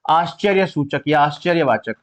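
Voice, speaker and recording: A man's voice: fairly high pitch, animated, moderate pace. A male teacher running a live online exam-prep class, quizzing students, explaining step by step and fondly calling them "beta". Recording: dull lo-fi audio.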